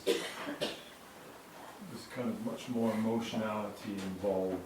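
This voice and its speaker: A man's voice: fairly low pitch, little pitch movement, unhurried, very noisy. A man hesitantly asking a question at a satsang, searching for words as he speaks. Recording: echoey, distant, no mic.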